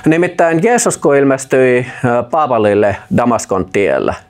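Guy preaching a sermon, voice swings up and down a lot, lots of uh's, talks right to you. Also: mid-range voice. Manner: lively rising and falling delivery with frequent hesitation fillers; informal speech, addresses listener directly.

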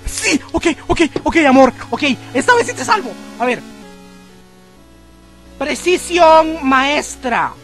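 A man's voice: very high-pitched, normal speed, few pauses, faint music behind. A young man commentating his gameplay, yelping and exclaiming at every turn. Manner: excitable, yelps and shouts at the game. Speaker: gamer. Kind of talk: let's play commentary.

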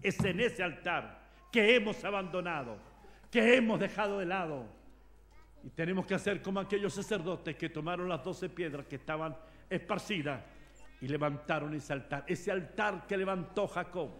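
High-voiced preacher man. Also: normal speed. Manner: emphatic preaching, swinging from low murmurs to shouted peaks. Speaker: bishop preaching. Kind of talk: sermon.

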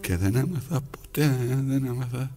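Over music, a man's medium-pitched voice sounds close to how he'd normally talk. He's an actor playing a lonely, aging man mending his trousers, muttering to himself and his needle, coaxing it one moment and scolding it the next in a rambling theatrical monologue.

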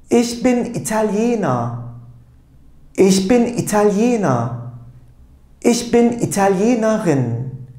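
A man's voice: sits high, darkish tone, roomy sound. A man in his forties teaching German at a whiteboard, explaining words and drilling phrases for students to repeat. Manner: slow, deliberate repeat-after-me drilling. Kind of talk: language lesson at a whiteboard. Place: small indoor room with a whiteboard. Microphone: lapel mic.

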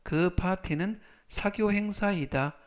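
A man teaching English vocabulary with a Korean accent, repeating each word three times and reading example sentences slowly and deliberately. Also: high voice, clean tone. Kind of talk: slow, deliberate vocabulary lesson.

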